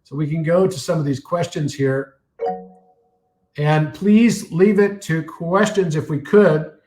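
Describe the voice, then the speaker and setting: A man giving a live talk and taking audience questions, telling stories full of fillers and restarts while his voice is getting a little hoarse. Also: a little high, slow, a little mellow, echoey room, soft background music. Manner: rambling storytelling with many fillers and restarts.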